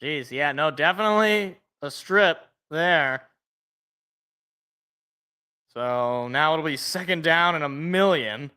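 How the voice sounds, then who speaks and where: A man doing casual live play-by-play football commentary, reacting as he goes and moving between excited calls and muttered asides. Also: fairly high pitch, takes it slowly, pauses often, clear, resonant tone.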